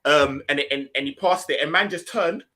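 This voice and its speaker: Against a loud crowd, a young Ghanaian-heritage man co-hosting a podcast talks football with plenty of energy. He speaks briskly with a fairly high voice, using lots of slang and repeating things to make his point.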